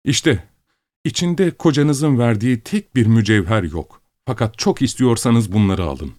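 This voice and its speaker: A man's voice: mid-range voice, lively intonation, normal speed, darkish tone, no room sound, clean studio sound, pitched above the performer's own voice, natural voice. A man voicing a distraught, tearful young woman who protests indignantly, in an audiobook story. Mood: tearful defiant. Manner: sobbing, indignant outbursts.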